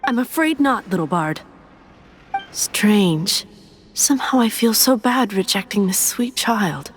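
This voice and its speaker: A woman's voice: mid-range voice, expressive, slow. A woman playing a devout, officious nun in an anime game, polite and formal but dismissive. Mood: stern, dismissive.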